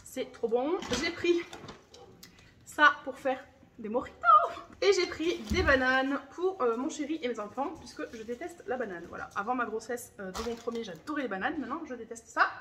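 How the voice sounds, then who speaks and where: A chatty woman in her thirties with a high, bright voice talks through her grocery haul. She sounds enthusiastic and confiding. A faint hiss sits under the recording. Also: expressive, moderate pace. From France. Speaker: vlogger. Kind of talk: casual grocery haul chat.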